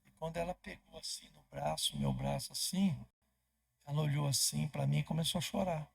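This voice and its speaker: Brazilian pastor, storytelling sermon, animated voicing of dialogue, raspy and very gravelly. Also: male voice, on the high side, a little fast. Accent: Brazilian Portuguese. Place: church.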